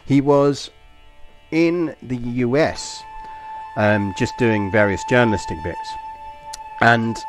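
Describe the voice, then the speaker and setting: A man from East London with an English accent rambles through anecdotal live-stream commentary on a strategy game, swearing casually. He speaks slowly at medium pitch with long pauses, faint music behind him.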